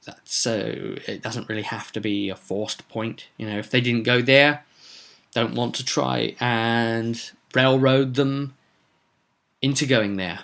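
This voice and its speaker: A game master recaps a roleplay session in a casual vlog, his mid-range, fairly bright voice slow with fairly even intonation and some vocal fry. He rambles conversationally but adds some dramatic emphasis.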